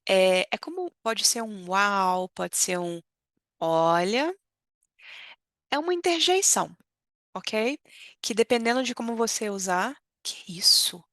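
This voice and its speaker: Slow, gravelly Brazilian woman teacher. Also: medium pitch, expressive, a bit bright, no echo, clean studio sound. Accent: Brazilian Portuguese. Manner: slow, careful, repeats words for learners. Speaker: Portuguese teacher. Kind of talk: vocabulary lesson explaining expressions.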